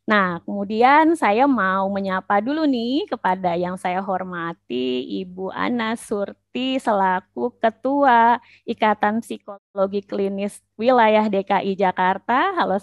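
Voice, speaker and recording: A woman doctor moderating an online webinar, polite and upbeat, filling pauses with "eh" and "nah", heard over a video call. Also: on the high side, dry recording. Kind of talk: formal welcoming moderation. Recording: muffled dry video-call audio.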